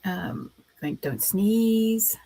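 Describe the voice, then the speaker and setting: With a cold roughening her voice, a woman hosts an informal writing livestream, speaking in a slow, halting manner broken by frequent pauses. Her medium-pitched voice is expressive, gravelly, husky, and warm.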